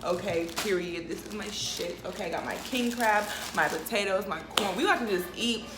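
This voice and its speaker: A woman's voice: mid-range voice, brisk, roomy sound, very noisy. A young woman telling a story casually while eating, chatty, with lots of "like" and frequent laughs. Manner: chatty, says "like" a lot, laughs often. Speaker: vlogger.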